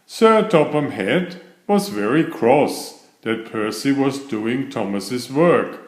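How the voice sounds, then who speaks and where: Speaking at a medium pitch, a man reads a children's bedtime tale in a careful, expressive storytelling style. The audio has a spacious, echoey quality, like a storybook reader in a big room.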